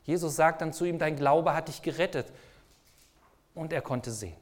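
A man's voice: on the high side, moderate pace. A man preaching a sermon, speaking emphatically and asking the listeners repeated rhetorical questions.

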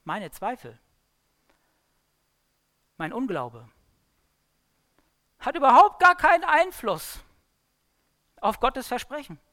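A woman delivers a sermon-style Bible talk, retelling the story with dramatic flair. Her pitch rises and falls in a lively, animated way, and she moves between loud emphasis and near-hushed lines. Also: slow pace, long pauses. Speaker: preacher.

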